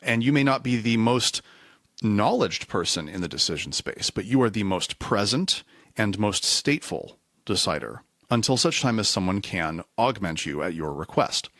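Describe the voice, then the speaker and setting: A man's voice: lowish voice, lively intonation, normal speed, fairly bright tone, dry recording, clean studio sound. A man speaking as a guest on a technical podcast, talking in a discursive, self-correcting way and sometimes acting out quotes. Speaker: podcast guest, reliability engineer. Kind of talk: casual conversational interview.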